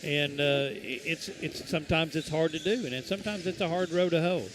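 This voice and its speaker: A man's voice: a little high, fairly quick, heavy background noise. Folksy rambling basketball color commentator man. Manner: rambling, folksy, many fillers and restarts. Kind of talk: casual high school basketball commentary.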